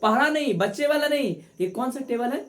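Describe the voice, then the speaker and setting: A woman's voice: high-pitched, brisk, reverberant. A woman teaching math to viewers she calls friends, repeating each step and asking and answering her own questions. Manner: addresses viewers as friends, coaxing. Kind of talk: classroom-style tutorial to camera.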